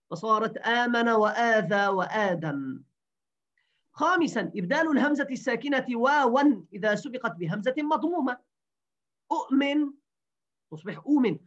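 A woman teaching a grammar lesson, repeating words slowly and quizzing her students. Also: fairly high pitch. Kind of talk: grammar lesson to an online class. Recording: dull lo-fi recording.

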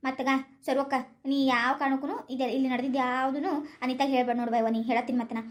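A bossy elder village woman with a North Karnataka accent lays down the rules in a low, firm voice, as a woman acts her out. She scolds and warns in plain, commanding lines for a rural comedy skit. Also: flat delivery, fast talker, close to an everyday voice. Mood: firm instruction. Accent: North Karnataka Kannada.

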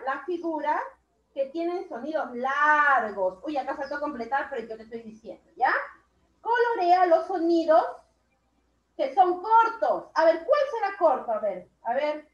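High-voiced woman teacher, slow praise. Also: very animated, reverberant, dull audio. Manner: slow, drawn-out words, warmly praising children. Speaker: primary school teacher. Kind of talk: online class instruction.

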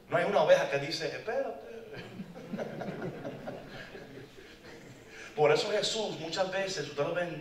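A man preaching a lively, joking sermon at a men's conference, often calling out to the audience. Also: fairly high pitch. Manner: animated, joking, calls out to the audience. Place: conference hall. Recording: echoey hall, mic far off.

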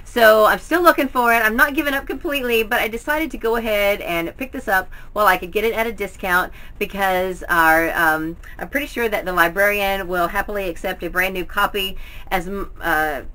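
A woman's voice: medium pitch, fairly quick, bright, forceful tone. A middle-aged woman talking casually to camera at home, presenting books like a vlogger. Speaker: book haul vlogger. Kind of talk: casual, chatty book review to camera. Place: indoors at home, in front of bookshelves.

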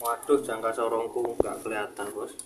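In a noisy home video with clicks, a young man casually demonstrates and reviews a product he's selling, addressing the viewer as boss. His mid-range voice is flat and moves at a normal speed.

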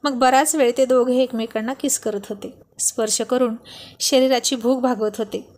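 A woman reading a romance story aloud in steady narration, slipping in English words. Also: on the high side, moderate pace.

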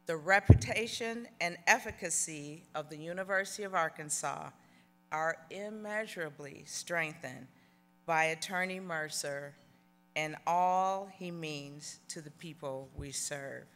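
A middle-aged woman delivers a formal tribute speech with deliberate, emphatic phrasing at a podium microphone. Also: sits low, a bit bright. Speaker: award presenter introducing the honoree. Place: large banquet hall stage. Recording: echoey hall PA with some music.

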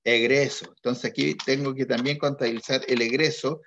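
A man's voice: mid-range voice, fairly even intonation, moderate pace, creaky, fairly bright tone, highs cut off. A male accounting teacher leading an online class, patiently quizzing students step by step. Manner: questioning students, patient and methodical.

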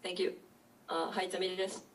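A woman reporter puts a question to a player, speaking politely and stopping to restart it. Her fairly low voice comes from off the microphone. A soft hum runs behind. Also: little pitch movement, measured pace, distant mic, rough recording. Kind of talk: press conference question. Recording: off-mic in a press room.

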